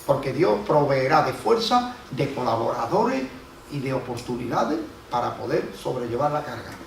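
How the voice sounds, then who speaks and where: A man's voice: medium pitch, very animated, normal speed, gravelly, a little hiss or hum. A man preaching a sermon as pastor, telling folksy stories and acting out the voices he quotes. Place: church hall. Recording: echoey hall from a distant mic.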